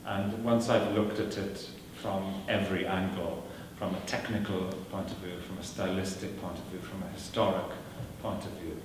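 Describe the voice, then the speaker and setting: A man whose first language is Welsh, a performer giving a talk, answers audience questions about his craft in a lecture setting. His lowish voice stays steady as he speaks in a measured, thoughtful way, with many fillers and restarts. The recording comes from a distance in an echoey hall and is noisy.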